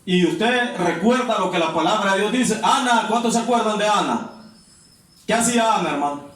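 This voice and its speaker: A man's voice: sits high, animated, normal speed, fairly bright tone. A male pastor, preaching a sermon and putting questions to the congregation. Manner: repeats "hermano" often, exhorting. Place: church hall. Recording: echoey church from far off, faint noise.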